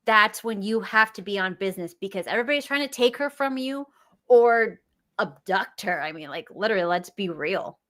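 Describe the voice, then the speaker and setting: Teasing, sarcastic female co-host with a bright, lively voice. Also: medium pitch, normal speed. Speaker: podcast co-host. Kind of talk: casual podcast chat.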